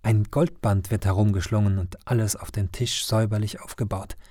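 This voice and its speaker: A man narrating a children's Christmas story in a gentle storytelling manner. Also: fairly low pitch, steady tone, fairly quick, dry recording, studio quality. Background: faint music.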